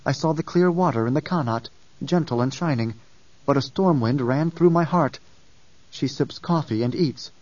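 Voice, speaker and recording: A man voicing a weak, dreamy young visionary who speaks slowly and softly. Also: fairly high pitch, no echo, lightly acted. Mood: yearning. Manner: slow, hushed, yearning. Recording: dull distant dry recording.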